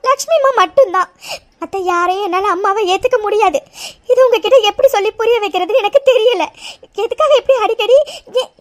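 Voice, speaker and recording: A hurt young woman in a cartoon speaks in a very high, tear-choked voice. She pleads and repeats herself with rising distress. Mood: tearful, pleading. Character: hurt young woman rejecting her birth mother. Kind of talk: cartoon voice acting.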